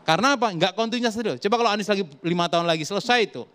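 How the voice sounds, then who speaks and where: A man's voice: high-pitched, racing. A man arguing emphatically as a guest commentator on a political talk show. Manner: emphatic, lively argumentative.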